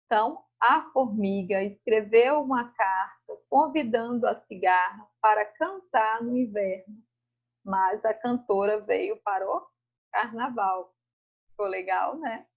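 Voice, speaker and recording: Slow, patient woman teacher, muffled. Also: medium pitch, gravelly, slightly rough. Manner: reads tasks aloud, then explains slowly and patiently. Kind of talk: recorded lesson going over exercises. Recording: muffled home recording.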